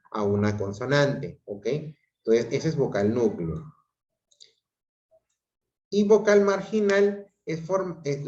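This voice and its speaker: A man lectures slowly in an online class, pausing to check that his students follow. His voice sits at a middle pitch. It comes through a muffled, lo-fi call mic in a room with a noticeable echo. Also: a little mellow. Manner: slow, repeats himself, checks with "¿ok?". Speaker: teacher. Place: home room on a video call. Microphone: computer mic on a video call. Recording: roomy, dull lo-fi video call audio.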